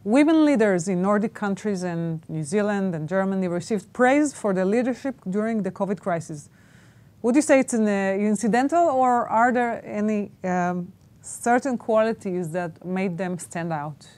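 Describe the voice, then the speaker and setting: A woman interviewing guests, asking long questions with many pauses and fillers. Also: mid-range voice, darkish tone.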